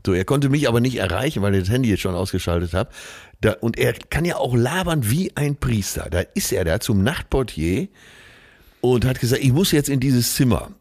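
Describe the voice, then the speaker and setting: A man with a Ruhr German accent spins a long anecdote in casual podcast chat. His voice sits at an ordinary middle pitch. He rambles and fills with "äh" between stretches. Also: animated, a little fast, a little mellow. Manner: rambling storyteller, acts out quoted voices. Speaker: comedian telling an anecdote.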